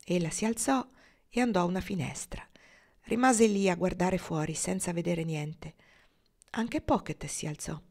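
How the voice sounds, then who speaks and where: A woman reading a novel aloud in calm, measured scripted narration. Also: on the low side. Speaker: audiobook reader.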